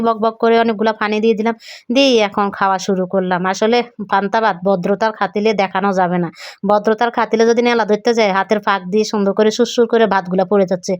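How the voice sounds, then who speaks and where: Fast-talking woman food vlogger, crisp dry voice. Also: mid-range voice, no room sound, highs cut off. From Bangladesh. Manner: chatty, homely, describing each step. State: voice keeps going hoarse. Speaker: cooking vlogger. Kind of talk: recorded voice-over for a cooking vlog.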